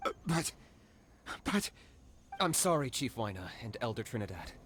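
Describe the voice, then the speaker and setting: An actor playing an earnest, resolute young hero in a video game, speaking sincerely and with urgency. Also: male voice, mid-range voice, big pitch swings, moderate pace, fairly bright tone, slight background noise. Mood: earnest resolve.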